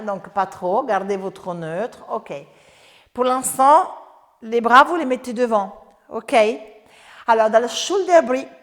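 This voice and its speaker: A woman's voice: on the high side, big-room sound. A woman with an Italian accent leading a Pilates class, giving breathing cues and joking with her viewers. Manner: chatty, joking, encouraging cues. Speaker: Pilates instructor. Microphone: lapel mic in clothing.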